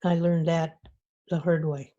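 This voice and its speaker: Woman author chatting to a writers group, slow and low, keeps restarting her sentences. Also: flat delivery, mellow, dull audio. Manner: conversational, with frequent restarts and fillers. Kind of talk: informal craft talk. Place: meeting room.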